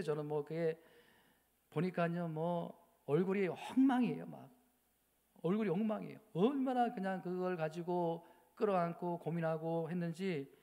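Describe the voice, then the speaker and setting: A man, a pastor, preaching a sermon with emotional storytelling that swings from hushed to loud emphatic outbursts, asking the congregation rhetorical questions. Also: a little high. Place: church sanctuary. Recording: long church hall reverb.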